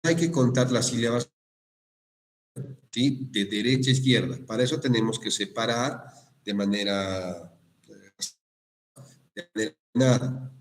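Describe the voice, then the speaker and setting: A man's voice: mid-range voice, a little slow, pauses often. Man lecturing on spelling rules. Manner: explanatory, frequent tag questions and restarts. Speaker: university language teacher. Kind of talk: online class lecture.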